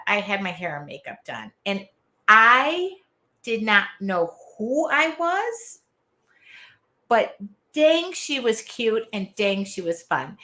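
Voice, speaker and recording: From her art studio, a woman with a nasal Midwestern accent hosts an art journaling live stream, chatting casually. Her voice sits on the high side, and she's loud, talkative, and self-deprecating.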